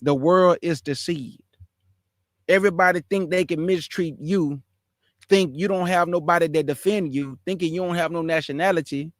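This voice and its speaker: A man's voice: a little high, moderate pace, no room sound, clean studio sound. A man from Houston gives impassioned reaction commentary, emphatic and repetitive, calling his listeners family. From Houston, Texas, USA. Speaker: commentator reacting to a sermon clip.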